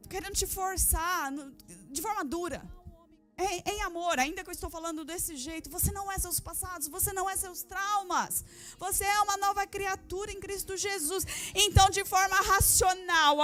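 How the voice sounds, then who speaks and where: At a church service, a woman pastor with a notably high voice preaches a fervent sermon, directly addressing the women of her congregation with repeated key phrases and rhetorical questions. She is an adult with a daughter, and soft music plays faintly behind her.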